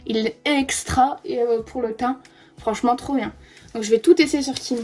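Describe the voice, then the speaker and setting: A young woman in her twenties, a beauty vlogger, chats her way through a makeup tutorial indoors while doing a friend's face, saying "hop" with each product she applies. Her voice is fairly high and a little mellow, with a steady tone and moderate pace.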